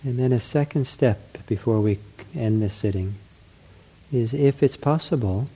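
A man leading a guided mindfulness meditation, speaking gently in short, unhurried phrases with an accepting, reassuring counselor's manner. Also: medium pitch, slightly rough, rough recording.

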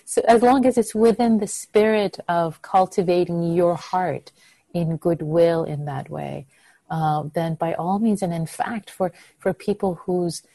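A meditation teacher whose first language is Persian leads a group discussion over a video call, soft and nurturing, with frequent affirmations. Her lowish voice keeps fairly even intonation at a measured pace, with no room sound.

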